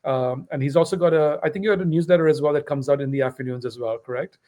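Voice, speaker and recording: A man's voice: on the high side, fast, dark tone. A man hosting a podcast interview, wrapping up with generous praise and frequent "um" fillers. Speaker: podcast host. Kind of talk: interview conversation.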